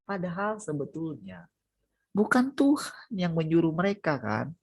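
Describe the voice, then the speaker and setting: A man preaching a sermon over a video call, animated, his voice rising high and loud for emphasis and dropping low and soft. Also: unhurried, husky.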